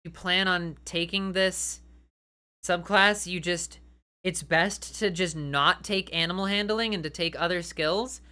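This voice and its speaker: A woman giving animated comedic commentary as she reads out game rules, sardonic and incredulous, with emphatic, dramatic asides. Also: lowish voice, a little slow, clean tone. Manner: sardonic, incredulous, swears freely. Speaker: voice actor reviewing tabletop game homebrew.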